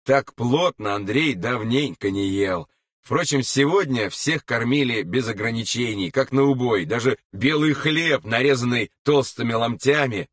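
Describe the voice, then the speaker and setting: Man narrating an audiobook, dry and measured. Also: mid-range voice, a bit bright, no echo, distant mic. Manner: measured, unhurried.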